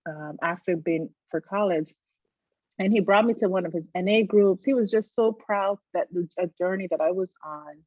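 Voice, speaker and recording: A middle-aged psychologist from Barbados speaks thoughtfully as an interview guest, her voice fairly low and her pace moderate. The recording is dry and tinny, like a phone line, with no room sound.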